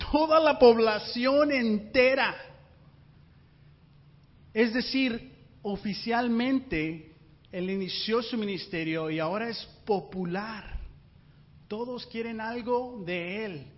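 Male pastor, high-pitched, animated sermon delivery, recorded in a reverberant hall. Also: slow, pauses often. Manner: animated, rhetorical questions to the congregation. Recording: muffled sound with long hall reverb.

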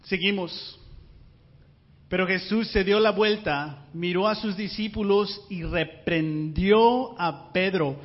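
Male pastor, high-pitched, animated sermon delivery, recorded in a reverberant hall. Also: slow pace. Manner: animated, rhetorical questions to the congregation. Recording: muffled sound with long hall reverb.

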